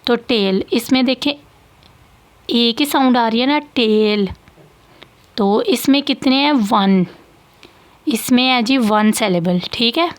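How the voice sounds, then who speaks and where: Slow, patient woman teacher with tinged speech. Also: on the high side. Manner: patient, repeats points, checks in with "theek hai". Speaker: English teacher. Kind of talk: slow classroom explanation of grammar.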